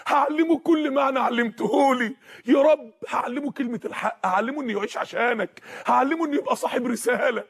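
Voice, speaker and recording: A man's voice: extremely high pitch, fast, creaky, husky, exaggerated voice. A man voicing an aged male prophet who pleads with God for a son, speaking with an Egyptian Arabic accent and tearful, repeated cries. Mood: fervent.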